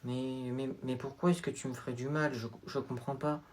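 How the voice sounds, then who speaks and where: A man voicing a timid anime-style schoolgirl in a comedy sketch, soft and stammering. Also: mid-range voice, level tone, normal speed, a little hiss or hum, voice pushed down, close to an everyday voice. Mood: hesitant.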